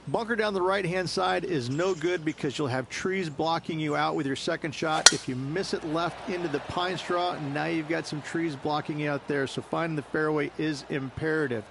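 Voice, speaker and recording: Creaky-voiced golf commentator, folksy analyst. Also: male voice, on the high side, moderate pace, hardly any pauses, background noise. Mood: explanatory. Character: male golf analyst explaining course strategy. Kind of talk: video game golf commentary.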